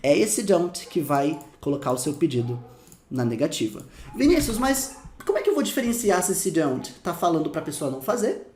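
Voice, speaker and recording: A man with a Brazilian Portuguese accent teaching English phrases in a casual lesson, lively and slowing down to repeat the examples. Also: a little high, roomy sound, a little hiss or hum. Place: room with dogs barking outside.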